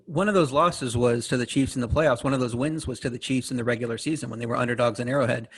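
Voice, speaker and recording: Guest analyst guy on a betting podcast, talks quick, mid voice, lots of fillers. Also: medium pitch, slightly rough. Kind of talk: casual sports betting talk.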